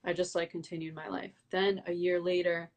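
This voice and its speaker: A young woman guest, a breathwork coach, telling her story in a casual interview with many "like"s and animated retellings of her own thoughts. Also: on the low side, moderate pace. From Albanian heritage.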